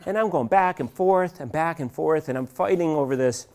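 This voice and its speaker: A middle-aged man giving a live seminar talk, telling a story in an animated way and acting out what his colleagues said. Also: fairly high pitch, normal speed. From United States. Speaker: seminar speaker.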